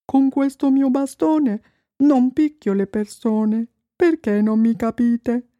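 Sad misunderstood snowman, read by a woman, plaintive rhymes, slow, storybook. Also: fairly high pitch, steady tone, mellow, dry recording, muffled recording, voice pushed up. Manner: plaintive rhyming recital.

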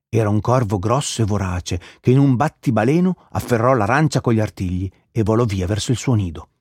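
A man narrating a children's story with gentle storytelling. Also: medium pitch, dry recording, studio quality. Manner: gentle storytelling, shifting into character voices.

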